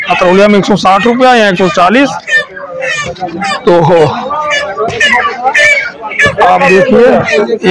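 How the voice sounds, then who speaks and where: A man talks slowly and chattily to his viewers in a fairly high voice. He is wearing a lapel mic and walking outdoors through a village market. The busy crowd is clearly heard behind him. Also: poor audio. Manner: chatty, addresses viewers directly. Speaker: vlogger touring a market. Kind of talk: casual walk-and-talk vlog.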